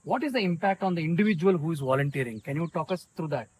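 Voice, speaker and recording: High-voiced Indian man hosting. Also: lively intonation, fast talker, darkish tone, slight background noise. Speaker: show host. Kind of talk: conversational interview hosting.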